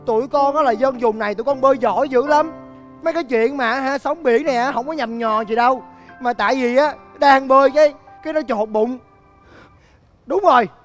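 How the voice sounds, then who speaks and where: An actor playing an excitable young local man just rescued from a storm, rambling and emphatic, in a TV comedy skit. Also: extremely high pitch, fairly quick, soft background music. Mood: indignant.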